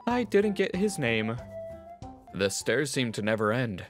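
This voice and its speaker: A man's voice: medium pitch, sing-song, unhurried, soft background music. A young man playing and reading a visual novel aloud as a game streamer, sarcastic and cussing.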